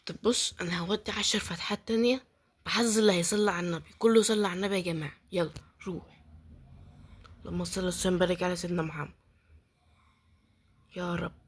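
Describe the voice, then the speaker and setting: A woman's voice: on the low side, fairly even intonation, fast, pauses often, breathy edge. A woman with an Egyptian accent giving casual gameplay commentary, pleading and muttering prayers, often dropping to a whisper. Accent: Egyptian Arabic. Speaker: gaming YouTuber.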